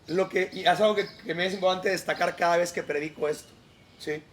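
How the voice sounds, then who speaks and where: A man's voice: high-pitched, steady tone, fairly quick. A man with a Mexican Spanish accent preaching a devotional outdoors beside a lake, in a conversational style that keeps checking in with his listeners. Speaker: pastor.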